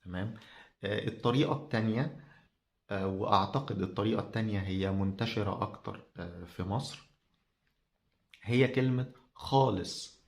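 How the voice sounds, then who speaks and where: A man with an Egyptian Arabic accent teaching a podcast language lesson, slow and halting with many drawn-out fillers. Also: fairly low pitch.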